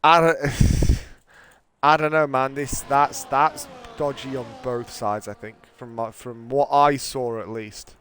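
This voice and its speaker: A man giving excitable, chatty live commentary on a sim race. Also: medium pitch, slow, a little hiss or hum. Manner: excitable, exclaims at contact, chatty.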